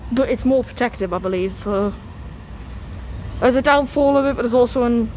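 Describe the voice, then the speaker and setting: A young woman with a North East English accent and a fairly high voice, slightly muffled by a mask. She gives casual running commentary as a train-spotting vlogger. She is recorded outdoors on a platform with some vehicle noise around her. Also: normal speed, a little mellow. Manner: announces train numbers and destinations. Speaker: host of a train-spotting vlog. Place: outdoors on a railway station platform.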